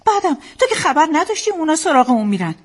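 A dubbing actress plays a loving wife and mother who comforts her troubled husband, soothing him while firmly reassuring him in a dubbed drama. Her voice is high and very animated.

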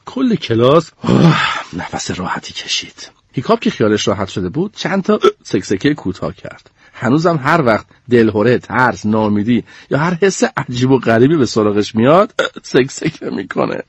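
A man reading a children's story aloud in a playful, animated way, often chuckling. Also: mid-range voice, breathy edge, no room sound. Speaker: narrator.

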